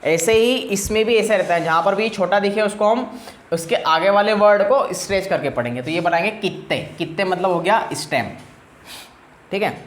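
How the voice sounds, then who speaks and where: A man teaching a classroom language lecture, explaining slowly and repeating each word. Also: high-pitched, roomy sound.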